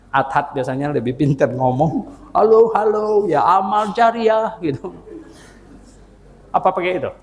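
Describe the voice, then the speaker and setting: An older man preaching a sermon as pastor. He moves between loud exclamations and quiet asides, tells humorous stories and asks the congregation questions. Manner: animated, swings from loud exclamations to low asides. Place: church hall. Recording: church hall with long reverb.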